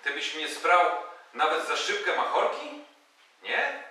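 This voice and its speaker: A man's voice: a little high, sing-song, slow, sharp tone, heavily acted. A man voicing a hot-tempered, cocky male soldier who scolds, hurls insults and sings, in a stage reading of a play. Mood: scolding. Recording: echoey hall from far off.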